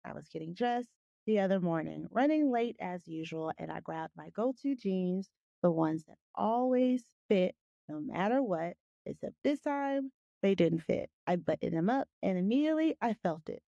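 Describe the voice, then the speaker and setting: A woman's voice: lowish voice, expressive, moderate pace, vocal fry, mellow, dry recording, muffled recording. A woman hosting a podcast in a casual, chatty way, encouraging and effusive with her praise. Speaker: podcast host.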